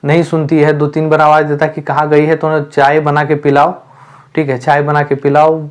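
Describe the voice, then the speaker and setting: A man's voice: on the high side, completely flat delivery, normal speed, smooth. A man teaching, explaining a story line by line for exam preparation, repeating himself and using many fillers.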